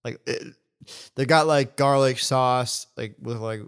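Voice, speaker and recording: A man's voice: medium pitch, a little slow, fairly bright tone, clear, resonant tone. A young man co-hosting a podcast, chatting casually, rambling and swearing, laughing often. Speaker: podcast co-host. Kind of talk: casual chat.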